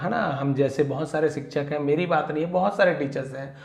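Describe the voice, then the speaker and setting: A man teaching English vocabulary in a YouTube lesson, stressing each English word loudly before explaining it, sounding tired from long work hours. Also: fairly high pitch, fast, creaky, reverberant.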